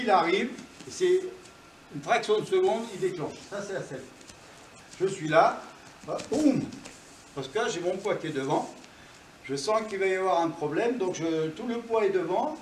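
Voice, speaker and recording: A man leads a self-defense class in a dojo, explaining each move as he shows it and marking strikes with quick sound words. His voice sits a little high and carries around a roomy hall, picked up from some distance. A faint class ambience stays in the background. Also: a little hiss or hum. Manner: explains while demonstrating moves, punchy sound words. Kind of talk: live class demonstration. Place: dojo, indoors.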